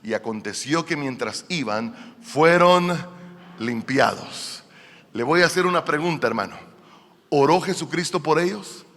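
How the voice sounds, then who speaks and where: A man preaching a fervent sermon as pastor in a church, addressing the congregation directly and swinging between quiet asides and loud emphatic calls. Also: fairly high pitch, lively intonation, measured pace. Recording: long hall reverb.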